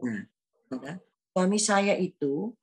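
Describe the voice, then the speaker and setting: Old javanese lady preaching, low gravelly voice, chatty and homely, keeps calling folks brothers and sisters. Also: animated, measured pace. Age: 80s. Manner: homely, addresses listeners often as brothers and sisters. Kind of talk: conversational sermon with a personal story.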